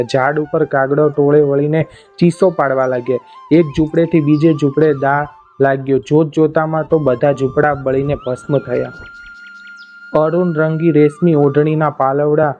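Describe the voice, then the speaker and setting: A man narrating a folk tale as a storyteller, in a measured, dramatic reading. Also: on the high side, darkish tone. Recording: dull lo-fi audio, faint music.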